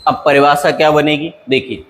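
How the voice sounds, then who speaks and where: A man's voice: on the high side, steady tone, a bit bright, a little hiss or hum. Patient male Hindi teacher, echoing hall. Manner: patient, repetitive explaining with frequent "okay" check-ins; slows down to read example sentences with deliberate pauses. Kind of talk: classroom lecture. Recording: long hall reverb.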